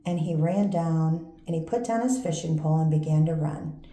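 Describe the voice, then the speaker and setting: An older woman, a grandmother, reading a children's picture book aloud in a gentle, unhurried storytelling manner. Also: low-pitched. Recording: roomy echo with faint background noise.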